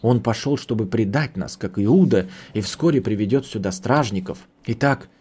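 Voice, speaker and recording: A man reading a novel aloud in the first person, with a measured, steady storytelling delivery. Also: fairly low pitch, husky. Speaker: audiobook narrator.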